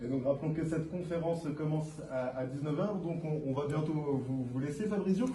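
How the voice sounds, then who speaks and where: A man's voice: on the high side, a little fast, warm tone. A man working as a radio interviewer, asking questions politely and formally. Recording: roomy, distant mic, faint background noise.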